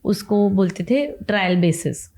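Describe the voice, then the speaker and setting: A woman's voice: medium pitch, expressive, a little slow, mellow. A young woman, an interview guest, telling her life story in an emotional, chatty way and mixing in English phrases. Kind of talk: casual interview talk.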